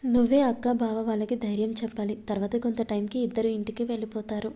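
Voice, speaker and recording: A woman's voice: fairly high pitch, level tone, fast talker, mellow, lightly acted. A woman voicing a tender, reassuring young man comforting his girlfriend. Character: caring young man, protective boyfriend.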